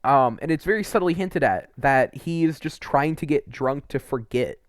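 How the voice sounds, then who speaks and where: A fairly high-pitched, animated man reviews game quests at a moderate pace, the studio recording dry and clean. As a video creator he speaks casually and unscripted, rambling with strong opinions, frequent "like," and occasional mild swearing.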